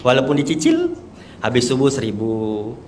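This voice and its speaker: A man's voice: medium pitch, wildly swooping pitch, moderate pace, a little mellow, a little hiss or hum. A young man, telling an emotional testimony to a live audience and often calling out to his listeners. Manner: emotional storytelling, addresses listeners as Bu and Pak Haji. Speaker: guest giving a testimony.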